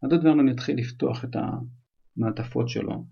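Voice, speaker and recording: A man with a gravelly, husky voice reads a storybook chapter aloud, retelling it loosely in an everyday, conversational way. The recording sounds dull and lo-fi. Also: medium pitch.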